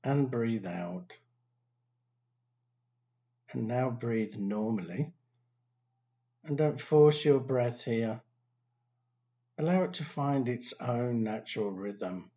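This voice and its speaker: A man leads a guided meditation in an unhurried, soothing voice, leaving long silences between phrases. His pitch sits in an ordinary middle range. The recording sounds a little dull and lo-fi. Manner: slow, calm, soothing instructions with long pauses. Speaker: meditation teacher.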